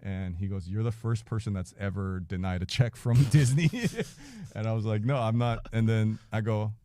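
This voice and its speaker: Low-voiced man telling a rambling story. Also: lively intonation, normal speed, dark tone. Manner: profane, rambling, acts out quotes, laughs mid-sentence. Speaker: podcast guest. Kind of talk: casual anecdote-telling.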